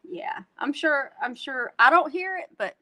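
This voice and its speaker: Southern woman, Texan twang, slightly high voice, casual craft-stream host. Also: measured pace, pushed and bright. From North Texas, USA. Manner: chatty, folksy, talks to viewers as y'all. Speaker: host demonstrating card making.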